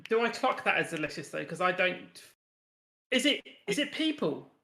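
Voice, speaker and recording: A woman's voice: on the low side, sing-song, moderate pace, bright, forceful tone. A woman playing a tabletop game who talks hesitantly, with frequent stammers and restarts. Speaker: player.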